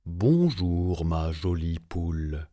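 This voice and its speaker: A man doing a gruff, low giant. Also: expressive, very slow, dark tone, exaggerated voice. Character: grumpy big male giant who hates humans. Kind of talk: storybook reading.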